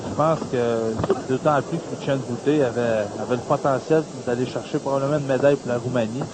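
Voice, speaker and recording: A man's voice: mid-range voice, fairly even intonation, brisk. A man offering conversational colour analysis on boxing. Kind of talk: conversational sports commentary. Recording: noisy broadcast with hiss.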